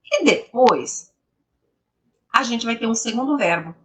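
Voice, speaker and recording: Slow, lively-voiced woman teacher. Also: fairly high pitch, far from the mic. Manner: slow, emphatic, repeats examples. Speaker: English teacher. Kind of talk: explaining grammar to students.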